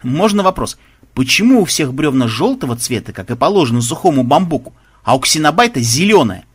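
A man voicing a wry, quick-witted male game tester. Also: a little high, big pitch swings, husky. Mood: curious. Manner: wry, dry.

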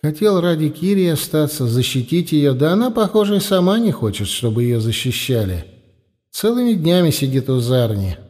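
A man's voice: a little high, big pitch swings, moderate pace. A man playing a scared but defiant teenage boy who pleads and cries out in fear. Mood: brooding. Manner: anxious, pleading, shouting in fear.

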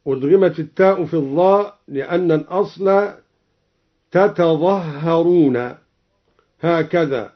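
A man in a formal explanation of reading variants, speaking deliberately and chanting the verses he quotes. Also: on the high side. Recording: dull lo-fi old radio recording.

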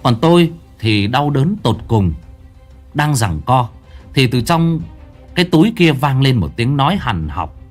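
A man reading a ghost story in the first person, his pitch swinging lively and dramatic through the telling. Soft music plays faintly beneath his voice. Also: a little slow.

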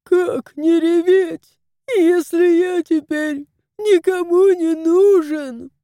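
A fussy old house-spirit grandpa from a storybook, folksy and given to exclamations, as a woman reads him. The voice pitches high and swings widely, sliding up and down. It is unhurried and dry. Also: animated, warm tone, no room sound. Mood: despairing. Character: old male house spirit, fretful and sentimental. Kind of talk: audiobook character voice.

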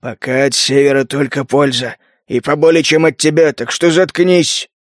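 A man voicing a rough, wounded four-armed male mutant who speaks hoarsely through pain. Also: on the high side, moderate pace, no echo, studio quality, lightly acted. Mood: blunt.

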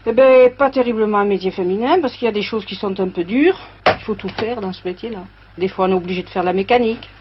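A woman's voice: medium pitch, fast. A middle-aged woman shoemaker answering an interviewer plainly and briefly, heard from an old worn archive tape. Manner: plain, short, matter-of-fact answers. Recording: dull lo-fi archive tape with faint hiss.

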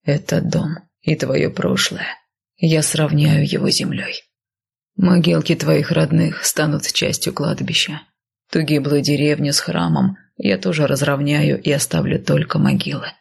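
A woman's voice: low voice, measured pace, vocal fry, husky, voice pushed down, heavily acted. A woman whispering as a stern northern man. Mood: soothing. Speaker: male character voiced by narrator. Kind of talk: whispered role-play.

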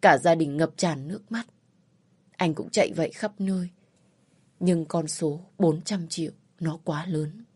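A woman narrating a first-person story in a slow, sorrowful read. Her voice is low, dark and husky, recorded dry and close, with faint music underneath. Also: no room sound.

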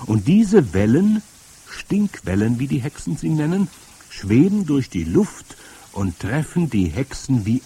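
A man reading aloud and voicing a stern old grandmother who explains things firmly, with a husky voice. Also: mid-range voice, warm tone, voice pushed up, full character voice. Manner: firm, lecturing, drawn-out emphasis. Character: stern old grandmother, matter-of-fact storyteller. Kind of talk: audiobook reading.

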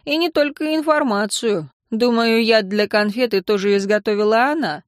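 A sharp, methodical investigator who lays out his case step by step in an even, reasoning tone, as a woman reads him in her own voice. The audiobook sound is dry and close. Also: fairly high pitch, moderate pace, no echo, natural voice. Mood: explaining. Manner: calm, reasoning, explanatory.

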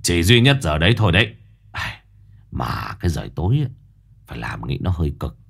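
A greedy old fortune-teller in a spoken ghost story, dropping his voice low and talking in a smug, gruff manner. He, performed by a man narrating the tale. His pitch swings from growl to pleading. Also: big pitch swings, fairly quick, fairly bright tone, heavily acted. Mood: wheedling. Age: older.

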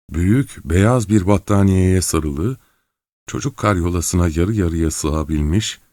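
A man reading a novel aloud as an audiobook narrator, steady and measured. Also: deep voice, dry recording. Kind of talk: scripted narration.

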